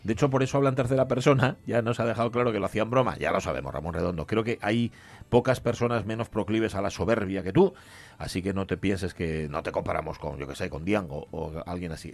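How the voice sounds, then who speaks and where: A man's voice: lowish voice, expressive, fast talker. A man hosting a radio show, chatting casually, joking and reading out listener messages. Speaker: radio host.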